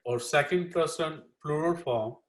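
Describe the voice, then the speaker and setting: A man's voice: a little high, normal speed. Man interpreting a lecture, echoey room. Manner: repeats each line, uses many fillers.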